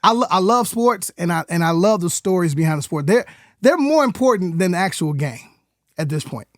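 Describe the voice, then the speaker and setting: A man co-hosting a casual sports podcast, talking in an animated, exclamatory way and swearing freely. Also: high voice, fairly quick, no room sound, studio quality.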